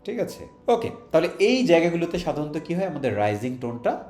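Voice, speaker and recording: A man with a Bangladeshi accent teaches an online English lesson, his slightly high voice swinging up and down as he poses questions and answers them. He demonstrates rising intonation on sample questions. The sound is roomy and echoey, with faint music beneath. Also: very animated, brisk, darkish tone. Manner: asks rhetorical questions and answers them himself.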